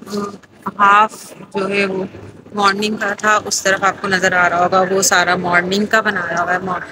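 A woman's voice: medium pitch, little pitch movement, unhurried. Chatty woman vlogger in a noisy mall. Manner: chatty, enthusiastic, narrating sights. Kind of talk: casual walking-tour vlog. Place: large indoor shopping mall. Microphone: phone held at arm's length. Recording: noisy phone audio in busy mall. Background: mall crowd chatter and noise.

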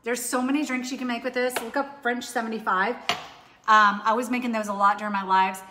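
During a casual live cooking demo, a woman in her forties rambles upbeat through a drink recipe at home, frequently restarting. She talks a little fast in a high-ish voice with fairly even intonation, over a noisy background. Sound comes from an overhead camera at a distance, with long kitchen reverb.

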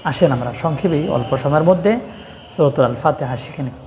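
A man with a Bangladeshi Bengali accent teaching correct Quran pronunciation, explaining sounds and chanting verses slowly. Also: on the high side, warm tone, big-room sound, a little hiss or hum. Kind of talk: religious lesson with chanted recitation.

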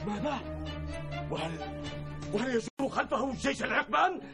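Shrill, panicky shopkeeper. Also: male voice, lively intonation, a little fast, vocal fry, bright, forceful tone, soft background music, full character voice. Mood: panicked. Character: panicky, excitable male market shopkeeper. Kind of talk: historical TV drama in formal Arabic.

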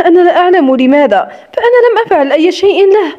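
A woman's voice: very high-pitched, lively intonation, racing, muffled recording, voice pushed up. A woman voicing a young widowed woman who speaks in a tired, sarcastic way, in an audiobook story. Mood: weary. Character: young widowed woman, bitter, weary and hurt.

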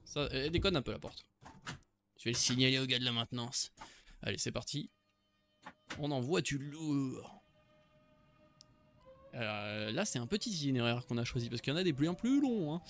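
A man's voice: mid-range voice, expressive, fast, fairly bright tone, faint music behind. A man giving casual, joking commentary on a game he is playing. He talks chattily and corrects himself often. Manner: chatty, joking, many fillers and self-corrections. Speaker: gaming video host. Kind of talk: casual let's-play commentary.

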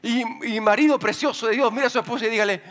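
A male pastor giving a lively, joking sermon in church, acting out voices as he reads scripture. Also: very high-pitched, fast talker. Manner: animated, joking, acts out voices while reading scripture.

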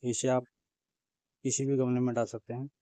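A man's voice: mid-range voice, flat delivery, moderate pace, mellow. A young man narrating a casual vlog about his terrace garden, steadily explaining to his viewers as friends. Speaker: gardening vlogger. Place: rooftop terrace garden outdoors.

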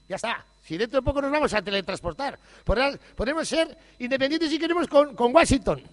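A man's voice: sits high, fairly bright tone. A man from the gives a humorous festival opening speech, irreverent and joking, swearing freely. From Basque Country. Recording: echoey hall reverb.

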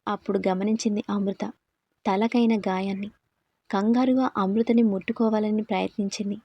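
A woman narrating a dramatic audio story in a steady, dramatic storytelling manner. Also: mid-range voice, normal speed, slightly rough, no room sound, dull audio. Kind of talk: scripted narration.

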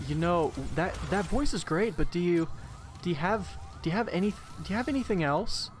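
A man's voice: high voice, animated, normal speed, voice pushed up. A man playing a male casting director who hedges politely. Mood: hedging. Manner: hedging, polite.

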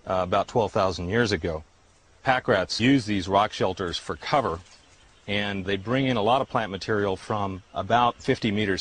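A man's voice: fairly low pitch, a bit bright. A middle-aged man, a scientist, explaining informally in the field for a nature documentary. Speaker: paleobotanist. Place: outdoors at a rock shelter.

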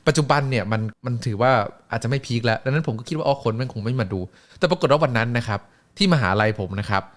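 A man's voice: medium pitch, fast. A man streaming, telling a story in casual chat with crude slang and acted-out voices.

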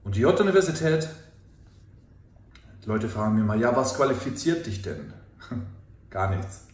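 Earnest coach in an echoey room. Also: male voice, medium pitch. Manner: earnest, emphatic, self-questioning, swings from quiet to loud. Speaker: fitness and life coach. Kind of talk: personal confessional monologue.

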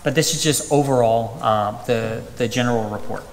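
At a school district public hearing, a man in his thirties reads through items from a podium microphone, using frequent ums and uhs. His mid-range voice moves at normal speed, with background noise and distant reverb in a large, empty, echoey auditorium.

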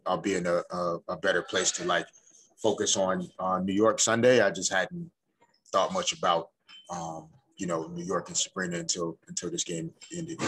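A middle-aged man, a head coach, answers postgame press questions in a measured, thoughtful way. He often pauses to find his words, and he is recorded on a desk microphone in an indoor press room. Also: deep voice, a bit bright, slight background noise. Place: indoor press room before a sponsor backdrop. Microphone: desk microphone in front of him.

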